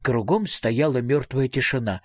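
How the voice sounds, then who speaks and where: A reader narrating a storybook audiobook in a lively, expressive way. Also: mid-range voice, normal speed, slightly rough, no room sound, studio quality.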